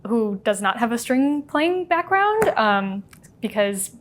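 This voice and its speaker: A young adult woman, an assistant music librarian, answering interview questions in a relaxed, chatty way with frequent "um" and "like". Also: on the high side, slow.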